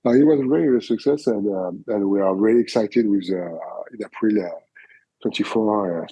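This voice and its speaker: A man with a French accent speaks in a halting way, full of pauses and fillers. His voice is gravelly and husky with a mellow tone. The recording is close and dry. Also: lowish voice, no room sound, highs cut off. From France. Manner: halting, many fillers and restarts. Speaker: guest photographer. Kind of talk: casual interview.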